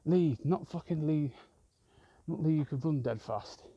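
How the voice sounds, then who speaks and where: A man's voice: on the high side, unhurried, mellow, slightly rough, muffled recording. A man rambling and swearing constantly as he films a vlog on a walk outdoors in a park with his phone. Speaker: vlogger. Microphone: handheld phone camera.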